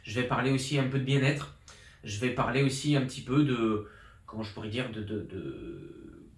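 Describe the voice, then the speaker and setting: A man's voice: mid-range voice, lively intonation, normal speed. Rambling young man in an echoey room. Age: 20s. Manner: rambling, many restarts and fillers, fired-up. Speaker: fitness coach. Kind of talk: informal year-review vlog. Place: his flat in an apartment building. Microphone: borrowed pro journalist mic.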